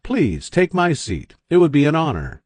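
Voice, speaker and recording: A man voicing a determined, courteous gentleman passenger. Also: fairly high pitch, huge pitch swings, moderate pace, dry recording, pitched above the performer's own voice.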